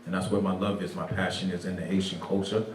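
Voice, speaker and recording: A teacher who also directs a nonprofit program answers panel questions thoughtfully, working in Creole and French phrases. He has a deep voice and speaks fast in a level tone, recorded from far off in an echoey room with faint background noise.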